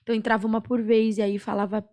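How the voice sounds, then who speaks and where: A young woman with a Brazilian Portuguese accent, a podcast guest earnestly telling a personal story with many pauses and fillers. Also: mid-range voice, flat delivery, darkish tone. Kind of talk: personal testimony in a podcast chat.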